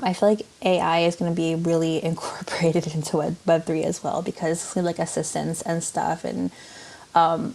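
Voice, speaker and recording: A woman's voice: on the low side, vocal fry, darkish tone. A woman artist chatting casually as an interview guest, rambling with many fillers.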